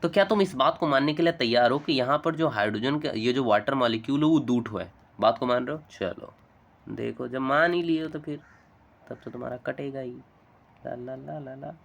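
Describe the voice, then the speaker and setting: Male teacher, quick chatty explainer who keeps checking in with the class. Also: medium pitch, creaky. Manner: fast, chatty, coaxing with frequent "theek hai" and "bhai". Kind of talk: chalk-talk chemistry lesson.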